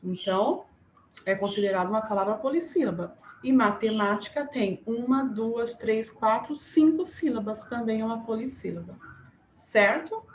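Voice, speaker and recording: A woman teacher giving a remote class to young pupils, slow and patient, spelling words out syllable by syllable. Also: fairly high pitch. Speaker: primary school teacher. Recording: echoey room, faint background noise.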